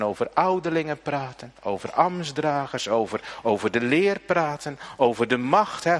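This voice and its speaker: A middle-aged man preaching a sermon, earnest and emphatic, speaking directly to his congregation with repeated phrases and tag questions. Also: on the high side. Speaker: pastor.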